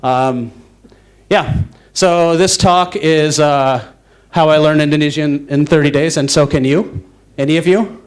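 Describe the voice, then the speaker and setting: On stage at a conference, a young speaker from the northwestern US rambles through a casual talk, restarting often, leaning on fillers, and cutting himself off. His voice is on the high side and a little slow, with a clean tone.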